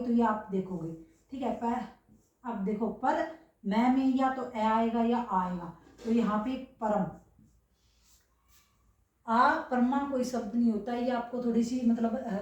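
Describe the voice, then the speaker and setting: A woman teacher explains a grammar rule step by step and keeps asking her class whether they follow. Her voice sits a little high but mellow. It comes from some distance in a very echoey room. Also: a little slow. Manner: repeats rhetorical questions, checks understanding often.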